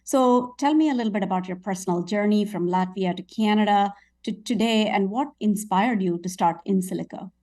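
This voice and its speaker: A woman hosting an interview, effusive and chatty with plenty of fillers. Her tone is warm and mellow. She sounds a little distant from the microphone. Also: medium pitch, a little fast. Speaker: show host interviewer. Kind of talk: interview conversation.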